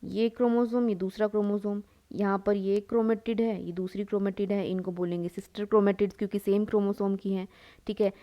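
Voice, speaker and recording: A woman's voice: medium pitch, little pitch movement, a little fast, lo-fi sound. A young woman teaching a biology lecture, drawing as she explains, asking her students questions, answering them herself, and slipping English terms into her Hindi. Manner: calls listeners "beta" and mixes English into the talk. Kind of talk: classroom lecture while drawing.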